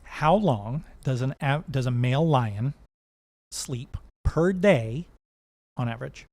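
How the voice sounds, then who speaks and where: A zoo worker guesting on a casual podcast eagerly explains animal facts and quizzes the hosts, laughing at his own jokes. His voice is medium-pitched, a little mellow, and he takes things slowly.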